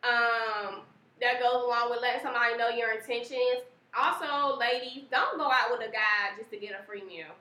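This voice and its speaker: Laid-back sarcastic woman cohost, bright voice, kinda high, echoey room. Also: moderate pace. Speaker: co-host. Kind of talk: casual live-stream chat.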